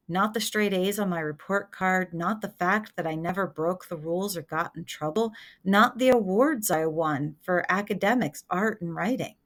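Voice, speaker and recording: Slow, earnest woman podcast host. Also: medium pitch. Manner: earnest and confessional. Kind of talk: personal reflective podcast monologue.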